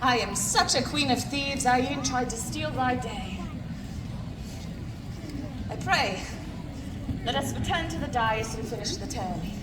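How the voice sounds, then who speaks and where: High-voiced Renaissance Queen of Thieves. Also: unhurried, pauses often. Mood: apologetic. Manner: mock-Elizabethan Renaissance faire speech. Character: proud yearning Queen of Thieves, outlaw leader. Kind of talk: projected outdoor live stage acting. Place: outdoor Renaissance faire tournament arena. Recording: echoey outdoor arena, distant mic, noisy crowd.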